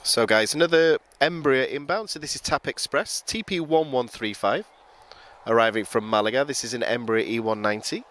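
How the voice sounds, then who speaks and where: A man with a hoarse, gravelly voice giving chatty live commentary on planes from outdoors at an airport, often calling his viewers guys. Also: medium pitch, normal speed, fairly bright tone.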